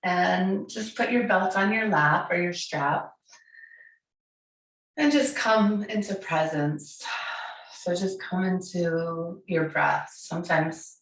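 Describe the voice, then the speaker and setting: A yoga teacher in her forties, hoarse and raspy from a cold, gently guides a class with soft, soothing instructions in a lowish voice, slow and softly encouraging. She's in a bright home studio with large windows. The camera sits across the room, so her voice sounds far off and echoey.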